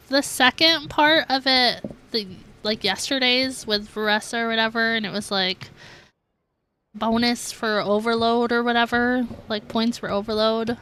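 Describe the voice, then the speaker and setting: With a fairly high pitch and a sharp, clean tone, a woman hosts a game livestream, chatting casually as she plays. Her manner is informal, giggly, and self-deprecating, and she says "like" a lot.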